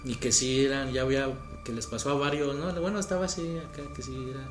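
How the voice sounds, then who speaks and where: A man's voice: medium pitch, fast. A young man with a Mexican accent, chatting about witches and ghost stories in slangy speech, often checking agreement. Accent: Mexican Spanish. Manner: slangy, filler-heavy, seeks agreement. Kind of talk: casual chat, telling spooky stories. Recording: echoey room with faint music.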